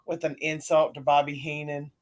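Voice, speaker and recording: A woman on a podcast panel, chatting casually in an animated, mocking way with quick asides. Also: low-pitched. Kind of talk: casual chat.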